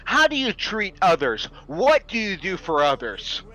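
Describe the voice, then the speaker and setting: His voice is high, bright and forceful, swinging hugely in pitch and running a little slow. He's a livestreamer in his thirties giving his viewers an impassioned rant that's preachy, emphatic and full of swearing, all in poor audio.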